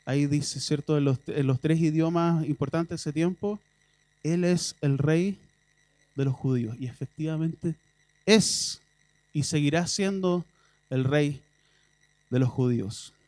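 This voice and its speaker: A man's voice: fairly high pitch, measured pace, pauses often, a little mellow, no room sound. A man with a Chilean Spanish accent preaching a sermon in a church, talking in a conversational way with ironic asides and emphatic bursts.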